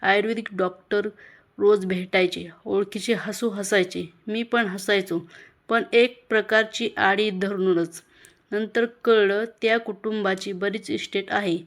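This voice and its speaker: Woman narrating a story calmly. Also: mid-range voice.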